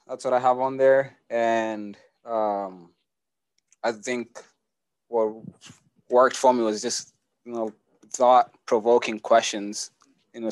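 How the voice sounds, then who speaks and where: A man's voice: medium pitch, dry recording. Earnest young man from Kenya. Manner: earnest, relaxed, many fillers. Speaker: church member giving testimony. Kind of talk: casual testimony talk.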